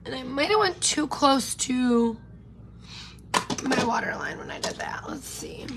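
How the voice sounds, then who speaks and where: This beauty vlogger in her thirties speaks high and unhurried with lively intonation over a noisy background, her voice worn and going. She rambles while doing makeup on a casual live stream, calling out viewers by name, from a home room bathed in pink neon and filmed by a close camera in front.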